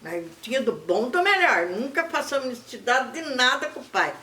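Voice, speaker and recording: An older woman with a Brazilian accent, telling family stories in a lively way and acting out the people she quotes. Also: a little high, moderate pace, reverberant. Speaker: interviewee. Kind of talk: oral history storytelling.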